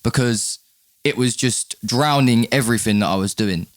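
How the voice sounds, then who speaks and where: A man's voice: mid-range voice, normal speed. Candid man with London roadman accent. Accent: London, urban street. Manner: London roadman slang, candid, repeats words. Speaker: podcast guest, musician. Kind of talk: casual chat.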